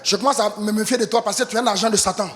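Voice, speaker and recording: Male pastor, fiery shouting sermon, high pitch, long church reverb. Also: steady tone, very fast. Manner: impassioned preaching, rising to shouts.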